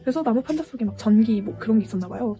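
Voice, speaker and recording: A woman's voice: fairly high pitch, rapid-fire. A young woman vlogger telling a story in casual chat, acting out the quoted lines as she goes. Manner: animated retelling with acted-out quotes. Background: soft background music.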